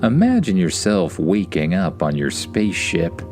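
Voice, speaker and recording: A man's voice: deep voice, big pitch swings, a little slow, a little mellow, faint music behind. A man hosting a bedtime story podcast, speaking soothingly as if tucking a child in at bedtime.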